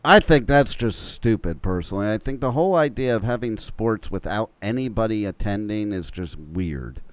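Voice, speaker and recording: Guy on morning radio cracking dirty jokes, very animated pitch, smooth clear voice. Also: moderate pace, dry recording. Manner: teasing, opinionated, bawdy jokes. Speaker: radio show co-host. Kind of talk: crude banter on morning radio.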